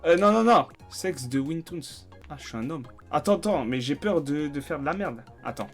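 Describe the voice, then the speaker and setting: A man's voice: on the high side, lively intonation, moderate pace, soft background music. A young man streaming a game, chatting casually in slang and swearing freely. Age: young adult. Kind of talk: casual let's-play commentary.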